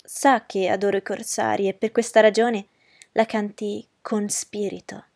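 A woman's voice: medium pitch, little pitch movement, a little slow, creaky, darkish tone, no room sound, clean studio sound. A woman reading aloud and voicing a proud, mocking young noblewoman who talks in a commanding, scornful way. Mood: haughty. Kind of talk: audiobook character reading.

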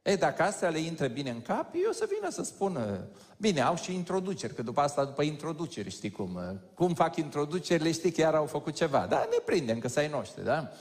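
A pastor giving a conversational sermon to a congregation, joking and speaking straight to his listeners. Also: fairly high pitch. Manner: lively, joking, addresses the audience directly. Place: large church hall. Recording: long hall reverb.

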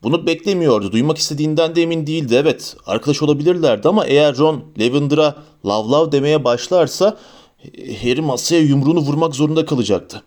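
Man reading a story aloud, higher voice. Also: fast, a little mellow. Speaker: audiobook narrator. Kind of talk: audiobook narration.

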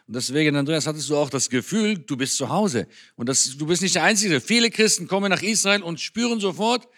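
Guy preaching at church, kinda high bright voice, earnest and chatty with the crowd. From Germany. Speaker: speaker on Israel at a church. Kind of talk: sermon.

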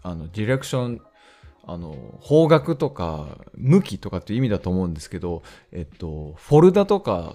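Lively, mellow-voiced Japanese podcast man. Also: lowish voice. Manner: thinking aloud with many hesitant fillers, reads English lines slowly. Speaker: podcast host. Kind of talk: solo podcast, explaining English news vocabulary.

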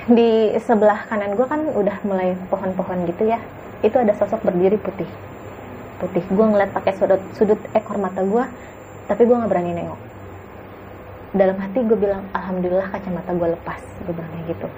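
A woman casually recounting a frightening night hike as a guest, in a hushed, suspenseful way, acting out what people said. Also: medium pitch, fairly even intonation, brisk, a little hiss or hum, rough recording. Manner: hushed, suspenseful retelling with acted quotes. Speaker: guest storyteller. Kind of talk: casual story of a spooky hike.

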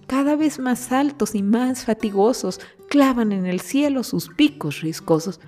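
A woman's voice: fairly high pitch, animated, measured pace, mellow, faint music behind. A woman reciting a rhyming children's story poem in a sing-song storybook manner.

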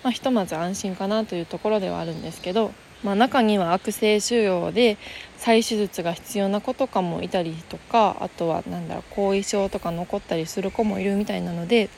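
A young woman hosts a casual solo radio talk in a gentle, reflective way, pausing on soft fillers as she thinks. Her pitch sits in the middle of the usual range for a woman. She was recorded outdoors in the mountains, with faint background noise around her. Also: creaky. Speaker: podcast host. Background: faint nature sounds.

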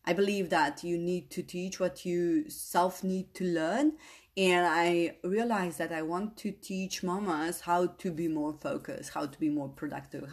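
A woman from Slovenia, a podcast host and coach, delivers a casual motivational monologue in English with non-native phrasing. She speaks slowly at a fairly low pitch, earnest and rambling, with tag questions.

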